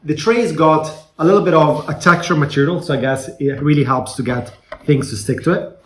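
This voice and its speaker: A man's voice: a little high, fairly quick, fairly bright tone. A man doing a casual, hands-on product review in an easygoing, joking way. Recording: roomy echo, background noise, clicks.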